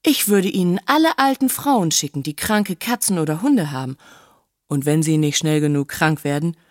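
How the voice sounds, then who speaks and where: A woman's voice: low-pitched, normal speed, no echo, clean studio sound, natural voice. A woman voicing a simple, chatty man who sells cat food, rambling along enthusiastically and naively, in an audiobook reading. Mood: gushing. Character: simple, chatty working-class man, cat's-meat seller.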